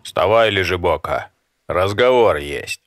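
A man's voice: deep voice, expressive, a little slow, fairly bright tone, no room sound. A man voicing Bart, a brash alien trader. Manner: drawling, interjecting "eh", cheeky. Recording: dry close mic, faint music.

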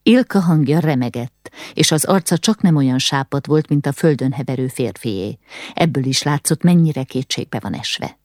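A woman reading a novel aloud in measured, steady audiobook narration. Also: extremely low pitch, dry recording, studio quality.

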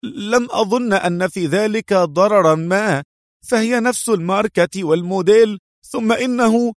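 A man's voice: high voice, moderate pace, no echo, clean studio sound, voice pushed up, lightly acted. A man voicing a frightened, groveling male garage attendant in an audiobook, pleading and stammering. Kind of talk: audiobook character voice.

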